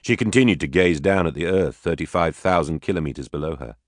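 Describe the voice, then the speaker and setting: Deep-voiced male audiobook narrator. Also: animated, quick pace, no echo, clean studio sound. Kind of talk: scripted narration.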